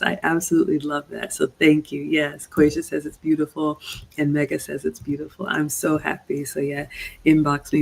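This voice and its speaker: A middle-aged woman from Ghana hosts a livestream as a relationship coach, lecturing her female viewers in an earnest, preachy way. Her voice is dark and gravelly, with a fairly flat, even delivery. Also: low voice, low-quality recording. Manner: earnest, preachy, addresses "ladies" directly. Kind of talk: livestream commentary with viewer shout-outs.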